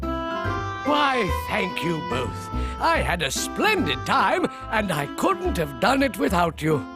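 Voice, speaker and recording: A man's voice: high voice, wildly swooping pitch, takes it slowly, music in the background, full character voice. A man voicing a fussy, formal cartoon policeman who has shrunk. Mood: grateful. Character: fussy shrunken male policeman, proper and flustered.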